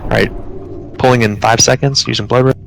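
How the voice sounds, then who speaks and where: A man leading an online game raid, explaining tactics and then calling quick commands. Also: mid-range voice, steady tone, vocal fry, a little hiss or hum, poor audio. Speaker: raid leader. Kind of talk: live game commentary.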